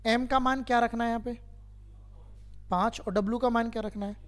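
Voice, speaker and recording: A man's voice: very high-pitched, fairly even intonation, a little fast. A man teaching a math lesson to a class, who keeps quizzing his students and patiently repeats each step.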